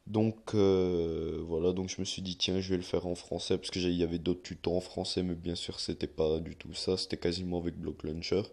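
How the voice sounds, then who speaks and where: A man's voice: sits low, flat delivery, fairly quick, gravelly, few pauses, a little mellow. A young man giving a casual, rambling screen-recorded tutorial, with many fillers and restarts as he walks viewers through steps.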